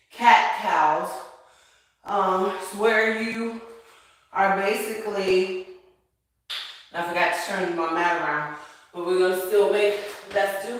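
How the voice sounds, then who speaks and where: A woman's voice: medium pitch, a bit bright, a little hiss or hum. A middle-aged woman leading a casual home workout while exercising, counting reps aloud and coaching informally with effort in her voice. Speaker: workout host. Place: echoey room at home. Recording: very echoey room, distant mic.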